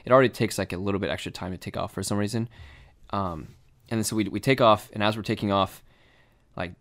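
A man's voice: on the low side, fast. Casual young man telling a story. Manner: animated, lots of filler and swearing.

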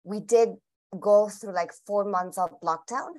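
A Colombian woman whose first language is Spanish answers interview questions in English as a guest, thinking aloud with many restarts and repeated words. Her voice is mid-range and darkish, and she speaks unhurriedly.

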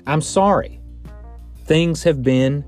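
A man's voice: on the high side, takes it slowly, darkish tone, soft background music. A man hosting a casual solo podcast from inside a bedroom closet, chatting in an informal, rambling, joking way. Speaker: podcast host.

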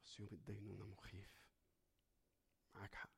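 A man with an Egyptian Arabic accent preaching a sermon. He swings between hushed, intimate talk and loud, fervent preaching, and asks and answers his own questions. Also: on the low side, completely flat delivery, brisk, creaky, breathy edge, whispered.

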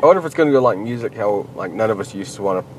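Low-voiced man in casual podcast banter. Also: lively intonation, racing, slight background noise, low-quality recording. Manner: laughs often, reads headlines aloud loosely. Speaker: podcast co-host. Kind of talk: casual chat.

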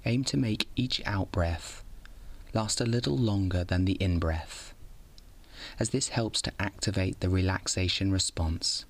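Speaking in a low voice, a man leads a bedtime meditation the way a sleep story narrator would. Every instruction comes out calm, soothing, and unhurried.

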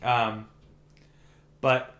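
A man's voice: medium pitch, drawn-out words. A man co-hosting a casual film review podcast, talking animatedly and swearing now and then. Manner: animated, swears, acts out quotes. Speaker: podcast co-host.

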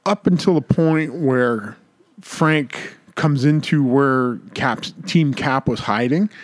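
A man co-hosts a podcast, talking slowly in a mid-range voice with no echo. The chat is casual and opinionated, and he makes his points emphatically, repeating words for stress.

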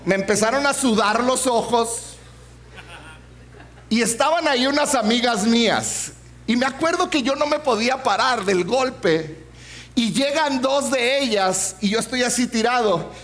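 A man's voice: very high-pitched, unhurried. A man, preaching a sermon and telling a funny personal story. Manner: humorous, animated storytelling.

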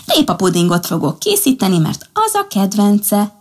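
A woman's voice: medium pitch, sing-song, breathy edge. A woman voicing a stubborn pregnant female rabbit who walks the tightrope in a storybook. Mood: cheerful.

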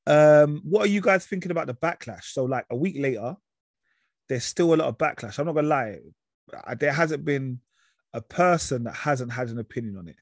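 A man's voice: on the high side, lively intonation, a little fast, no room sound. London roadman guy hosting a podcast, casual slangy chat, dry close sound. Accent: London, urban street. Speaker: podcast host.

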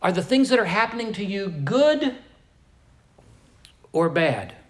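A man's voice: sits high, very animated, measured pace. An older man preaching a sermon, telling stories earnestly and building to fervent emphasis.

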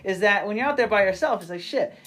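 A male podcast guest chats casually in a high, expressive voice, talking fast over crowd noise. His rambling speech is full of restarts, repeated words and frequent "you know what I mean" tags.

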